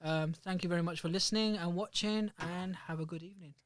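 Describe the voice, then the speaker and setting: Speaking in a high, steady voice, a man runs a casual chat podcast from a small studio, quick and talkative, rambling and restarting constantly. Though he uses a studio microphone, the recording is very noisy.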